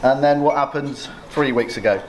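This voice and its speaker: At a packed indoor wedding reception, with loud ambience from guests talking and laughing, a middle-aged man speaks as father of the bride. His mid-range voice keeps a moderate pace as he jokes informally, with dry humor that pokes fun at himself and occasionally swears.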